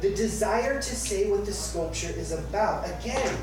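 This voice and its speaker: Reading his personal essay to an audience at an indoor book launch, this thirtysomething author has a high, expressive voice and keeps a moderate pace. He sounds chatty and wry, with music playing behind him, and the recording is distant and echoey with a little noise.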